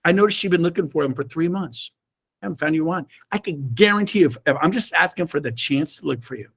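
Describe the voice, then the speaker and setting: A middle-aged man giving a fired-up motivational talk to his real estate team over a video call. He is emphatic and swings from shouts to low asides. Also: lively intonation, fast, vocal fry, breathy edge. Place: indoors, own room on a Zoom call.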